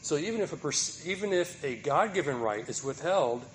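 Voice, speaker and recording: A man's voice: a little high, animated, moderate pace, a little hiss or hum. Man preaching with rhetorical questions. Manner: rhetorical questions, emphatic, tag "right?". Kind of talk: sermon.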